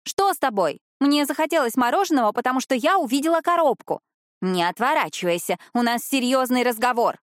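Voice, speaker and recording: Woman voicing bratty teenage girl, high shouting voice, scolding, dry audiobook recording. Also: fairly quick, dry recording, close to an everyday voice. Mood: angry scolding.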